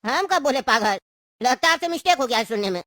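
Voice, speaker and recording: Woman as an old sharp-tongued uncle in a cartoon: high, rapid, dry sound. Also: expressive, dry recording. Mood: needling. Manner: scolding and needling. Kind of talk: cartoon voice acting.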